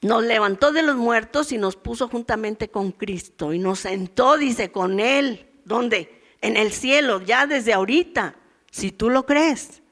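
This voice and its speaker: A woman's voice: fairly high pitch, unhurried, a bit bright. Lady in her 60s preaching to the women's group, chatty, tells stories from her own life. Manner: conversational preaching, acts out voices from daily life and her past. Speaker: women's ministry teacher. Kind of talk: sermon.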